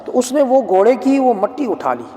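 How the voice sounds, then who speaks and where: High-voiced male preacher in an echoing hall. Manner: lively storyteller, asks listeners rhetorical questions. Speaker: Quran teacher. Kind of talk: storytelling Quran commentary lecture. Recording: long reverb from a hall.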